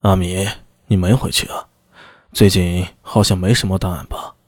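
A man playing a measured county magistrate. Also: low-pitched, little pitch movement, a little mellow, no echo, clean studio sound, voice pushed down.

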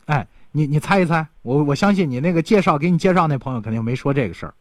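A man's voice: on the high side, quick pace, no echo, studio quality. A man hosting a casual radio interview, telling things in a chatty way with playful exclamations. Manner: animated storytelling with playful local exclamations. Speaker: radio host interviewing guests.

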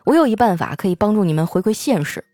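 Animated woman telling comic stories. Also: mid-range voice, fast, no echo, clean studio sound. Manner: animated storytelling, acting out quoted lines in raised voices. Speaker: comedy radio host. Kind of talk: scripted comic monologue.

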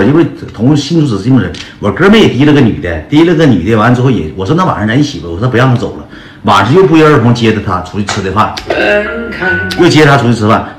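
A man casually tells a rambling personal story, full of slang and calling his listeners brothers. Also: medium pitch. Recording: echoey room with guitar music.

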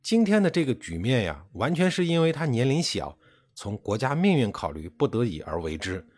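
A male storyteller voicing an honest, mild-mannered ruler who speaks in a calm, earnest, measured way. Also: medium pitch, dry recording, voice pushed up.

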